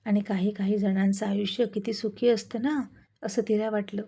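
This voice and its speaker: A woman's voice: mid-range voice, steady tone, moderate pace, mellow, slightly rough. A woman narrating a family story in a chatty way with mocking asides.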